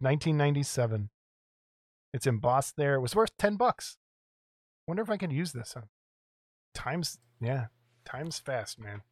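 A man's voice: mid-range voice, dry recording. Rambling middle-aged man, dry close sound. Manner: rambling, chuckles often. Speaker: co-host of a model kit show. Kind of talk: casual show-and-tell chat.

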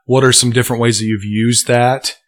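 A man's voice: mid-range voice, flat delivery. A man, a coach co-hosting a podcast, asking easygoing questions in casual chat, recorded in a garage studio. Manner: quick reactions, easygoing questions.

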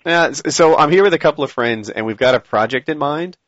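A man chatting casually as the host of a live stream, with muffled low-fidelity audio. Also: animated, fairly quick, fairly bright tone, no echo. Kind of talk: casual chat.

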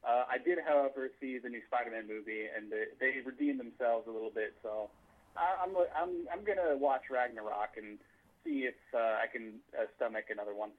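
A man's voice: mid-range voice, fairly quick. A man co-hosting a casual movie chat over a phone line, rambling with lots of fillers and restarts. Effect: heard over a phone line. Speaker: podcast co-host.

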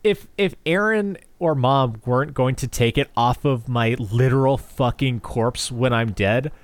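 A man's voice: mid-range voice, measured pace, no echo. A man from New England hosting a podcast in casual chat, joking and swearing, with big swings in his voice. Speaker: podcast host.

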